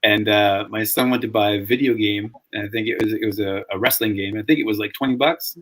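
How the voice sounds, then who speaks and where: A man's voice: fairly low pitch, steady tone, fairly quick, a bit bright. A man hosting a casual podcast chat, telling stories with frequent restarts and repeated words. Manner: rambling storyteller, frequent restarts. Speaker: podcast host.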